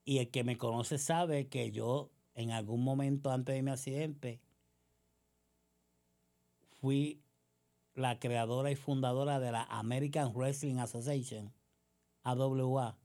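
A woman with a Puerto Rican accent delivers a combative political monologue in a dark, steady bass voice, measured in pace and full of pauses. As a political commentator, she is sarcastic and accusatory and fires off rhetorical questions.

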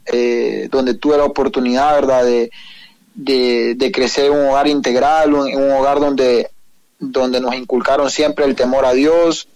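A man's voice: mid-range voice, a little mellow. A young man with a Honduran accent, a guest on a phone call, speaking hesitantly with many fillers and frequent religious phrases. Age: young adult. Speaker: guest, professional footballer. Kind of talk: phone interview.

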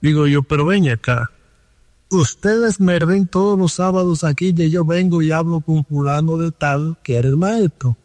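A man's voice: on the high side, moderate pace, a little mellow, no echo, big-room sound. Dominican man telling his story. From Dominican Republic. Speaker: guest. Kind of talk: testimony over the phone. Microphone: phone line.

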